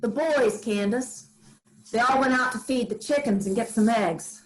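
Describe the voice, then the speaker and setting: Reading the part of Grams, a dry, stubborn, weary old farm widow, a woman delivers wry, plainspoken rural lines in a staged play reading. Her natural voice is a little high and moves at a moderate pace, and the recording quality is low.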